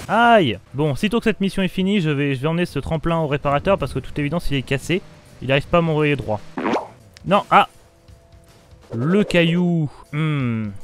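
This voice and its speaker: A young man talks over his gameplay in a light, slightly high voice. He is goofy and self-mocking, joking about every mishap as it happens. Faint game music hums behind him. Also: normal speed. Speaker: gaming video host. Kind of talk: comedic let's play commentary.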